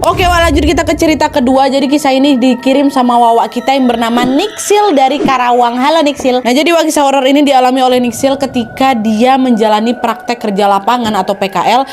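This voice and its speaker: High-voiced Medanese woman telling ghost stories. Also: fast talker, few pauses, music in the background. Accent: Medanese Indonesian. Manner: expressive, chatty, addresses listeners directly. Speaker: host retelling listeners' horror stories. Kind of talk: casual dramatic ghost storytelling.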